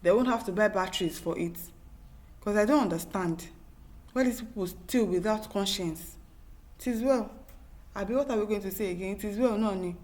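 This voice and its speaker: Speaking at an ordinary pace in a darkish, medium-pitched voice, a Nigerian-accented woman goes through viewer comments on her opinionated news show. She sounds fed up and forceful, repeating herself and posing rhetorical questions.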